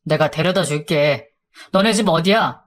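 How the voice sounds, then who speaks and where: A woman's voice: low-pitched, unhurried. Woman doing a goofy teasing young man. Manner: casual, teasing banter. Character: goofy, easygoing young man who teases.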